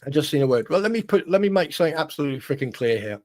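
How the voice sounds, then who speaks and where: Emphatic man, higher voice. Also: big pitch swings, rapid-fire, darkish tone. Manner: emphatic, swears, many restarts. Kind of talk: casual livestream chat.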